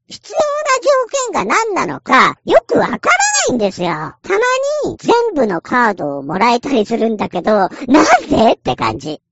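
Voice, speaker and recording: Female host, casual game chat, playful, highly expressive pitch swings, crackly edges, slightly dull close recording. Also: gravelly, no room sound. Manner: chatty, playful, acts out short quotes.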